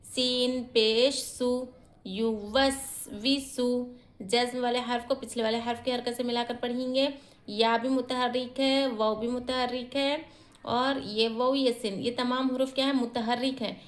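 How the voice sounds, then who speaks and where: A woman teaching Quran reading step by step, quickly explaining rules and then sounding out syllables slowly, asking questions and answering them herself. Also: fairly high pitch, flat delivery. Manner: alternates quick rule explanations with slow drawn-out syllable reading. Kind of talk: step-by-step recitation lesson.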